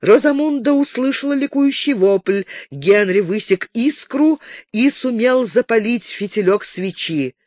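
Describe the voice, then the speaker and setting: A man reading a romance novel aloud as narrator with measured, expressive delivery. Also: very high-pitched, dry recording, clean studio sound. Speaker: audiobook narrator. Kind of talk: scripted narration.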